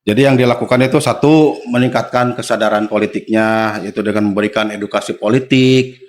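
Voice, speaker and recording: A man in his forties, a guest official on a podcast, explaining things step by step in a relaxed way and often agreeing with short replies. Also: on the low side, fairly quick, slight background noise. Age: 40s. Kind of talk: casual podcast conversation.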